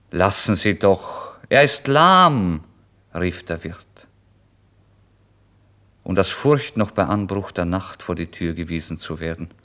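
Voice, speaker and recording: A man narrating a literary story in the first person, measured and dramatic. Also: deep voice. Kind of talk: literary reading.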